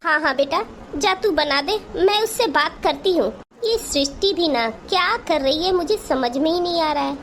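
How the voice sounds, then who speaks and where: A woman voicing a kindly older aunt in a Hindi cartoon, gentle and consoling. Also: high-pitched, expressive, moderate pace, a little hiss or hum.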